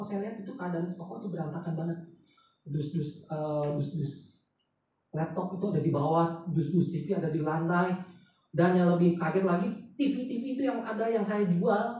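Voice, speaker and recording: A man's voice: high voice, dark tone. Chatty man preaching in an echoey hall. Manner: chatty, often turns to the congregation with questions. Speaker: pastor. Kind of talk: storytelling sermon. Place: large church hall. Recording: very echoey hall, voice picked up from far off, faint noise.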